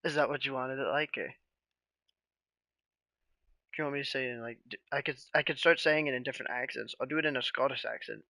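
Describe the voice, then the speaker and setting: A man chatting casually on a live stream, relaxed and rambling, often trailing off with questions. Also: medium pitch, fairly quick, long pauses, dry recording.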